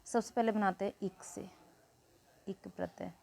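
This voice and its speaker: A woman's voice: medium pitch, fairly even intonation, a little slow, vocal fry, noisy background. A woman teaching a Hindi grammar lesson, explaining step by step and asking questions she answers herself.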